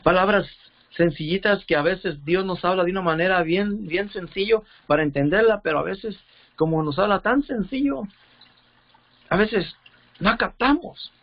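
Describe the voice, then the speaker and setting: A man preaching a sermon with fervor, reading scripture slowly and often repeating words as he searches for them. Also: sits high, lo-fi sound. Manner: reads scripture slowly, drawn out.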